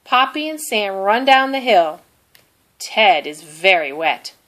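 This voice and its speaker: This is a storybook reader, a woman whose medium-pitched narration of a children's book is animated and unhurried.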